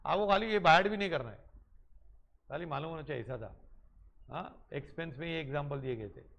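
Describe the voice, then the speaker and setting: A man's voice: fairly high pitch, fairly quick, gravelly, highs cut off. Man quizzing his commerce class. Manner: asks students questions and answers them himself; mixes English terms into his Hindi. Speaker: commerce teacher. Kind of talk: classroom lecture.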